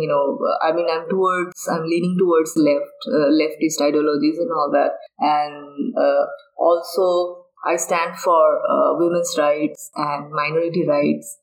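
A woman's voice: low voice, a little hiss or hum, rough recording. A woman from Bangladesh, a researcher being interviewed, who talks hesitantly with many fillers and restarts. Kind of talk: podcast interview. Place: on a university campus.

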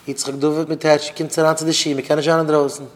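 A man, a rabbi, giving an informal sermon to students, repeating phrases for emphasis and swinging between loud bursts and quiet asides. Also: a little high, level tone, fairly quick, a little hiss or hum.

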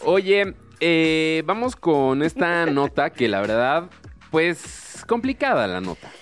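A man with a Mexican accent co-hosting a show, chatting casually and colloquially about entertainment news in an animated way. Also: fairly high pitch, slow, clear, resonant tone. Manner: animated, colloquial, acting out quotes. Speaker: co-host of an entertainment talk show. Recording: faint music behind the voice.

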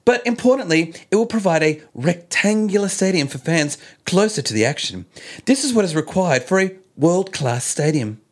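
A brisk old-time newsreel reporter with a high, punchy read, put on by a man. He delivers each line like a headline, in a clipped announcer style. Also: lively intonation. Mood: announcing.

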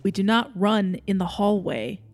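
A stern young prefect, voiced by a man, cold and condescending. Her voice sits well above a man's range, and each order comes out clipped and superior. Soft music plays faintly underneath. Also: sits high, animated, normal speed, pitched above the performer's own voice. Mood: stern haughty. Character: stern sneering young woman prefect, haughty.

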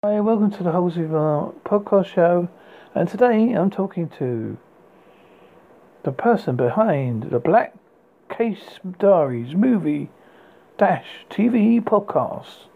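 An amateur reader narrating book extracts in a halting way, with frequent slips and restarts. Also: mid-range voice, expressive, vocal fry. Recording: tinny phone-like sound.

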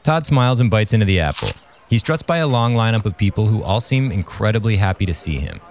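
A man's voice: fairly low pitch, lively intonation, fast talker. A man narrating a scripted story aloud as a podcast host.

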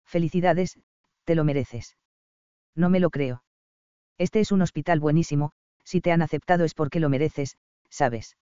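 Man playing a brash, slangy young woman, clear, fairly high. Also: normal speed, long pauses, mellow, no echo, highs cut off, natural voice.

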